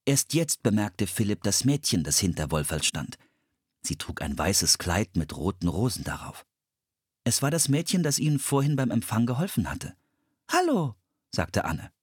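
A man reading a children's audiobook with lively storytelling. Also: on the low side, moderate pace, husky, no echo, clean studio sound. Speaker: narrator.

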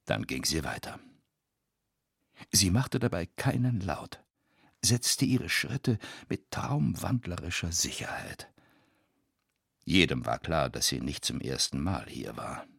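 A man reading a dark story aloud in a measured, suspenseful narration with a husky voice. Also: extremely low pitch, animated, no room sound, clean studio sound. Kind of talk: scripted audiobook narration.

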